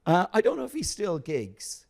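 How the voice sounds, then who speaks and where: A young adult comedian from South Africa, chatting casually on a podcast and telling stories with frequent laughs. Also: male voice, high-pitched, moderate pace, creaky. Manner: storytelling, laughing often, animated. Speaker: comedian guest.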